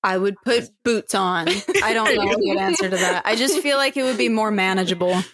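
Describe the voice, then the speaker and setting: A woman's voice: mid-range voice, brisk, fairly bright tone, no echo, studio quality. A young woman guest on a podcast, chatting playfully and teasing the others. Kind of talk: casual chat.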